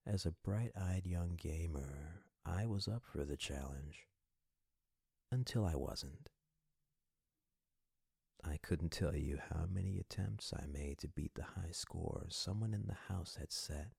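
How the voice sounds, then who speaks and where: A man hosting a sleep podcast, narrating scripted stories intimately to the listener in a soothing, husky, breathy voice that often trails into a whisper. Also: rumbling low, a little mellow, no echo, studio quality. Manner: intimate, addresses listener as a friend. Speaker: host of a bedtime sleep podcast.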